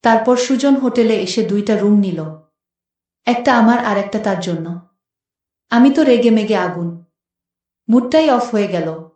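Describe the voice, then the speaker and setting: A woman's voice: on the high side, measured pace, pauses often, a little mellow, far from the mic. A woman narrating a first-person story in a plain, conversational way. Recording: very echoey room.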